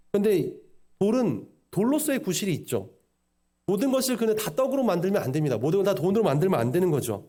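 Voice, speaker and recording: Man, pastor, sermon delivery; high, quick, very animated. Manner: preaching with quick, animated delivery and voiced quotes.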